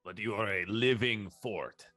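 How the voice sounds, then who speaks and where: A man's voice: on the low side, a little slow, bright, forceful tone, no room sound, soft background music. A man playing a tabletop game, partly talking in character, eager and chatty with his questions. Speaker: player.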